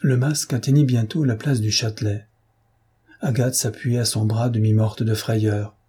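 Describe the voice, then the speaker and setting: A man with a husky voice reads a classic novel aloud at a measured, steady pace. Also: on the low side. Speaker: audiobook narrator.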